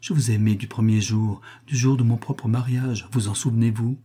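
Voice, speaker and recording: An ardent young man, as a male reader plays him, pleads in an earnest, slightly lifted voice. The tone is mellow and a little husky, like a storybook reading. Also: mid-range voice, fairly even intonation, moderate pace, natural voice. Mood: pleading.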